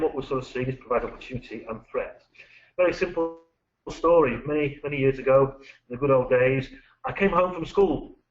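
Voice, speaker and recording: A middle-aged British man, a management consultant, presenting a business webinar with lively, anecdotal, punchy delivery. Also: medium pitch. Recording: dull lo-fi recording.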